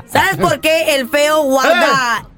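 A man co-hosting a radio show with wisecracks. His voice is very high. Faint music sits behind. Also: slow pace, sharp tone. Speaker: radio co-host. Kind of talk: radio banter.

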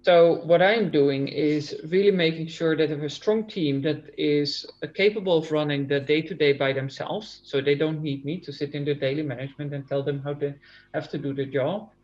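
A man answers interview questions over a video call, and his audio sounds dull and lo-fi. His voice sits slightly high for a man. He speaks earnestly, often repeating a word before he settles into his point. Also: normal speed, a little mellow. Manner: earnest, many repeated starts. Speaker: guest. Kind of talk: remote interview.

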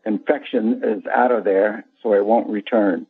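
An older man calling in to a show over the phone, talking in a halting, friendly, rambling way. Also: on the low side, steady tone, breathy edge. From Washington State, US. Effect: heard over a phone line. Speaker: radio show caller. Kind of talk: casual call-in chat. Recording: tinny phone line.

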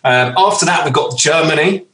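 Brief: a bright, forceful male host, set back from the mic in an echoey room. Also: on the high side, brisk. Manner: lively, steering the talk. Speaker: podcast host. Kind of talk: casual chat. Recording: roomy and distant.

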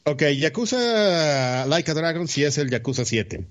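A man's voice: on the high side, very animated, a little slow. A man with a Mexican accent co-hosting a casual gaming podcast, talking in slang with easy swearing. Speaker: podcast co-host. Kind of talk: casual chat about gaming news.

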